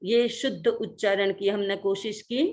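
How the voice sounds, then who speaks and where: A woman's voice: medium pitch, steady tone, darkish tone. A woman teaching a religious workshop, drawing out each syllable as she shows how to pronounce a recited text. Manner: recites syllables slowly, stressing each sound. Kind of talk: pronunciation lesson with slow recitation. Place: online video workshop.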